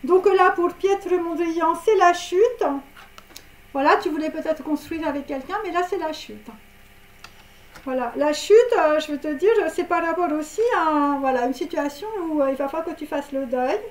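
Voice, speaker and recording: In an echoey room, a tarot card reader with a high voice talks briskly and barely pauses. Her casual reading wanders, packed with fillers and tags, and she laughs at her own jokes.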